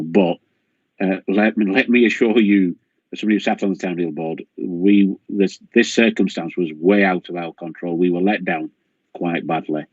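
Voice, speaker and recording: A man's voice: sits low, husky, no echo. A man chairing a council committee over a video call, firm and businesslike as he calls names and runs the vote. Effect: heard over a video call. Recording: dull muffled video-call audio.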